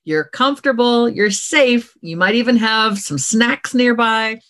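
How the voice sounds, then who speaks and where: A woman's voice: a little high, unhurried. Middle-aged woman, former dean, chatty advice, does little voices for quotes. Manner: animated, acts out quoted voices, says okay often. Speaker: author and former dean, guest. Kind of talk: conversational interview answers.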